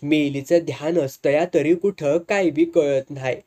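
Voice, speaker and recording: A storyteller reads a serialized novel aloud. The voice is warm and mellow, the pace steady and measured, with a dark, relaxed timbre. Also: medium pitch. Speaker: narrator.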